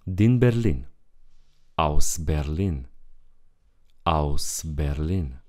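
Very deep, slow-spoken male language teacher. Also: lively intonation, darkish tone. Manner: slow, repeats each phrase twice. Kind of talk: bilingual language lesson.

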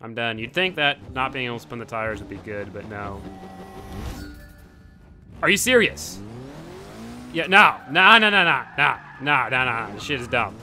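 With a mid-range voice full of big pitch swings and a sharp edge, this young channel host talks at normal speed but leaves long pauses. He's casually commenting on a racing game, breaking into frustrated, profane outbursts now and then. Car engine sounds, game audio, and music play underneath.

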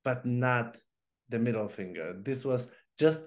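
A man co-hosting a casual video call chats animatedly from a home room full of plants. His voice sits in the mid range, and he talks in quick bursts full of fillers and laughter.

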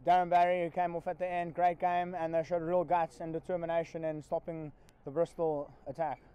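A man's voice: a little high, little pitch movement, a little fast, dark tone, dull audio, slight background noise. A man in his twenties, a rugby winger, giving a modest post-match interview outdoors at a floodlit ground.

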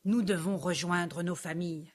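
A woman's voice: lowish voice, fairly even intonation, pitched below the performer's own voice, close to an everyday voice. A woman doing Beaugrain, a grumpy little red grape. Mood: earnest. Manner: grumbling, quick to anger. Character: hot-tempered young male red grape.

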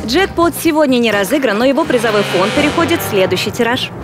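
Woman in her thirties, formal results announcer, slightly high voice, quick delivery, music underneath. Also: expressive. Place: TV studio desk.

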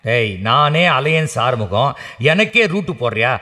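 An actor playing a wisecracking bachelor in a stage comedy, firing off cheeky retorts and reading verses in a mock-solemn tone. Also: male voice, medium pitch, sing-song, normal speed, pushed and bright. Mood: sarcastic. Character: wisecracking bachelor man, sharp-tongued and cheeky. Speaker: lead comic character in a stage play. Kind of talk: Tamil stage comedy acting. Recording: stage play with hall reverb.

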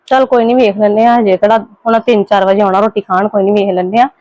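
A woman acting a scheming younger sister-in-law in a home drama skit, quick and defensive while sweet on the surface. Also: medium pitch, steady tone, mellow, dry recording, lightly acted. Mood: pleading. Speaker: actor in a family skit.

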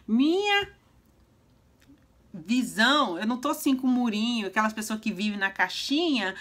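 A middle-aged Brazilian woman vlogging in a chatty, emphatic way, swinging between loud and soft. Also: on the high side. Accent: Brazilian Portuguese. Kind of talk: casual motivational vlog talk.

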